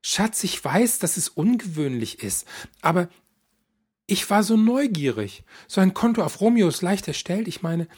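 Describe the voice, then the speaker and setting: Audiobook: male reader doing prying, unfazed mum, higher register, husky edge, breezy. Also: sing-song, normal speed, a little mellow, heavily acted. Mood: breezy, candid. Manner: chatty, matter-of-fact about shocking things. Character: nosy middle-aged mother, unflappably frank.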